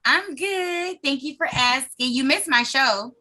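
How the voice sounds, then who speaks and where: Casting: bubbly woman podcast host, high bright voice, chatty and loose. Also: animated, measured pace. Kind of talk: casual video podcast interview.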